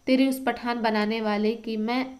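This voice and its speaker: A woman reading the lines of a thin, agitated male clerk who shouts curses at another passenger, as part of a lesson. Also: on the high side, steady tone, measured pace, natural voice. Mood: angry. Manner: shouting, cursing.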